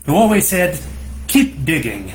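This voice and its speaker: A man voicing an earnest, cheerful male groundhog who gushes with humble excitement during puppet banter on a live stream. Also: fairly high pitch, unhurried, slight background noise, poor audio. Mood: delighted.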